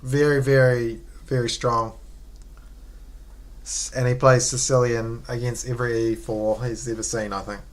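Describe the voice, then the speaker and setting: A man's voice: medium pitch, little pitch movement, a little slow. A man with a New Zealand accent giving casual, slangy commentary on a live game as he chats to viewers. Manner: laid-back, slangy, chatting to viewers. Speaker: chess streamer.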